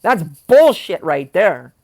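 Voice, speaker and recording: A man's voice: high-pitched, sing-song, takes it slowly, a little mellow. A young man venting angrily in a personal vlog, swearing and going off on tangents. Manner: angry, swearing, goes off on tangents. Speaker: vlogger.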